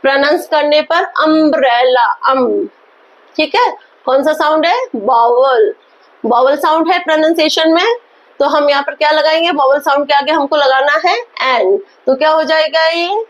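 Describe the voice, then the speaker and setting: A woman teaching an English grammar lesson in Hindi, asking questions and answering them herself and reading example sentences slowly. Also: high voice, muffled recording. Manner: slow, spelled-out example sentences.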